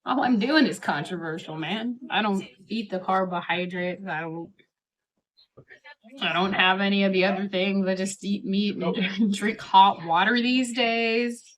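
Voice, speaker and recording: A woman's voice: medium pitch, a little slow, rough recording. A middle-aged woman chats casually to camera while eating a steak dinner, rambling along and often quoting herself as she goes. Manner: chatty, rambling, self-quoting. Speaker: vlogger.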